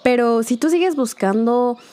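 A young woman with a slightly high voice hosts a casual solo podcast. She speaks in a chatty, confiding way to her listeners. She keeps checking in with them and mixes in English words along the way. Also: normal speed, mellow. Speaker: podcast host.

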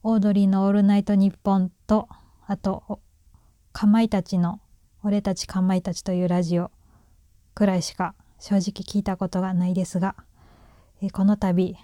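A woman's voice: medium pitch, little pitch movement, normal speed, dark tone, dry recording, clean studio sound. A woman with a Kansai accent hosting a solo radio talk, shy and nervous and making self-deprecating jokes into a microphone. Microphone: talking alone into a microphone.

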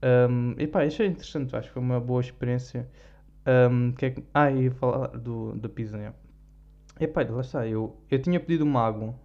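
A man's voice: mid-range voice, fairly quick, dull audio. A young man from Portugal with a European Portuguese accent, telling a rambling, self-deprecating story on his podcast, full of fillers. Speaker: podcast host. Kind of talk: casual storytelling chat.

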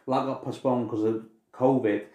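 A man's voice: medium pitch, steady tone, moderate pace, mellow, reverberant, muffled recording. An English man co-hosting a podcast in casual, informal chat, swearing now and then. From England. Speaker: podcast co-host.

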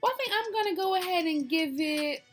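A woman's voice: extremely high pitch, brisk, soft background music. A woman co-hosting a casual podcast, chatting loosely and laughing as she recaps and reviews a movie. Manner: animated, laughing, loose storytelling. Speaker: podcast co-host.

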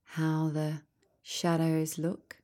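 Speaking in a low, breathy near-whisper, a woman guides listeners through a meditation. Her phrases are short and separated by long pauses, and her manner is calm and never rushed.

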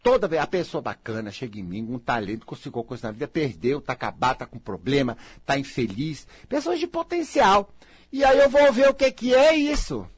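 Husky, theatrical Brazilian man. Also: sing-song, fairly quick, no echo. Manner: theatrical, swings between loud outbursts and low muttering; blunt and scolding. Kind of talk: motivational monologue.

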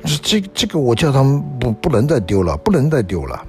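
A man voicing a curious, spirited little girl in a storybook reading, lively and musing to herself. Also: medium pitch, brisk, faint music behind, natural voice. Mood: curious, indignant.

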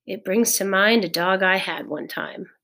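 A woman's voice: medium pitch, unhurried, a bit bright, close to an everyday voice. A woman voicing an older male farmhand who tells the children stories and teases them. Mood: teasing, easy. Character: old male farmhand storyteller, teasing.

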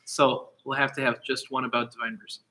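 A man co-hosting an online show who chats casually, then leads a blessing in an earnest, steady manner. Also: medium pitch, a little hiss or hum, rough recording. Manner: earnest, slow and steady when praying. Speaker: co-host. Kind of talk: casual chat and spoken prayer.

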